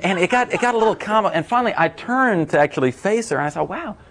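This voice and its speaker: A middle-aged man telling a casual story at a talk, rambling with many fillers and getting animated when he quotes others. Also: high-pitched, very fast. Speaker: speaker at a talk.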